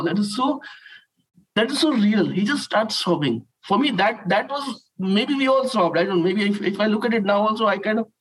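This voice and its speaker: Husky, halting man recalling football. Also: high voice, low-quality recording. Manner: halting, many restarts and fillers, wells up with feeling. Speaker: guest football commentator. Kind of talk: emotional conversational recollection.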